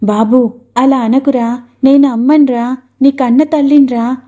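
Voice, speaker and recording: A proud, grieving mother who pleads through tears and then turns defiant, as a woman reader puts her on. The voice sits a little high, with a soft, mellow tone. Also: steady tone, a little slow, muffled recording. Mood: pleading. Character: grieving middle-aged mother, fierce and proud.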